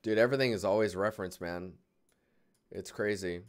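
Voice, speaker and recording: A man's voice: fairly low pitch, fairly quick. A man giving casual, rambling live critiques of digital art, thinking aloud as he clicks through images. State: yawning, tired.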